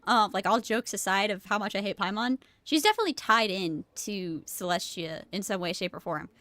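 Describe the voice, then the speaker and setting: Her mid-range voice is brisk and sharp, recorded without echo. A little sick with a cold, she streams a game live, chatting casually, rambling, restarting sentences, getting easily amused, and reading dialogue aloud, with game music playing behind.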